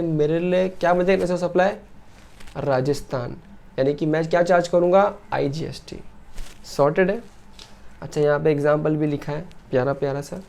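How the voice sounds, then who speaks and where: A man giving a recorded lecture, asking and answering his own questions and slowing down to dictate definitions. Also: fairly high pitch, vocal fry, a little mellow. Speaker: teacher.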